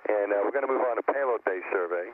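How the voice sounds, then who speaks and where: A man speaking as an astronaut over a crackly space-to-ground radio link, with calm, matter-of-fact readbacks. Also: fairly low pitch, fast talker. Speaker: astronaut aboard the shuttle. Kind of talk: terse air-to-ground radio exchange. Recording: narrow noisy radio downlink.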